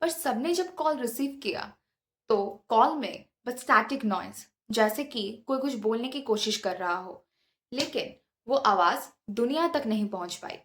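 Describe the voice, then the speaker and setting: A video host and narrator tells scripted paranormal tales with dramatic suspense, slipping English words in. Her fairly high voice is expressive and measured, with slight background noise.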